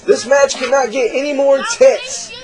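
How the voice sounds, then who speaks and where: A man calling a wrestling match play-by-play, excitable and shouting at big moves, losing his voice. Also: very high voice, moderate pace, slight background noise, low-quality recording. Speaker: wrestling commentator.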